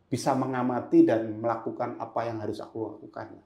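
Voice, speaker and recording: A man's voice: mid-range voice, little pitch movement, fairly quick, gravelly, mellow. Roomy-voiced man telling a vivid story. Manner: vivid storyteller, acts out his own past words. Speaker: photojournalist guest. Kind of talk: storytelling in a podcast interview. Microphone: podcast microphone. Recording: roomy echo.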